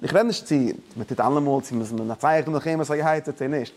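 A man gives a religious study lesson in a medium-pitched, slightly mellow voice, talking fast. He explains things emphatically, often stopping and starting over, and blends English words into his German.

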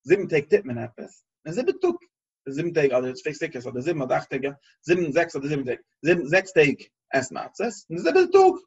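A husky-voiced man teaches a Torah class, thinking out loud and circling back over his words as he reasons. The recording is dull and lo-fi. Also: a little high. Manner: halting, searching, repeats phrases while reasoning.

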